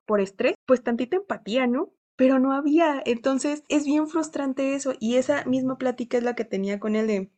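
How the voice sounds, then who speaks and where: Young Mexican woman, podcast co-host, casual and lively, tends to act out the people she quotes. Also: high-pitched, moderate pace, hardly any pauses. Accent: Mexican Spanish. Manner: animated storytelling, acting out quoted dialogue.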